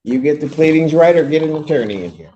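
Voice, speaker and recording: A man's voice: on the high side, expressive, fast talker, dark tone, highs cut off, slight background noise. A man presiding as a judge in court, curt and admonishing with the parties. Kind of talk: courtroom proceedings.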